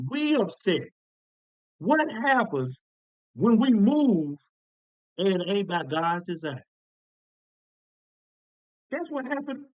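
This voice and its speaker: A man delivers a sermon in a high, ringing voice. He talks in a folksy, emphatic way, repeating phrases and stretching out key words for weight. The sound is dry and close. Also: darkish tone, no echo, poor audio. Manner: folksy, emphatic preaching with repetitions. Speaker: preacher.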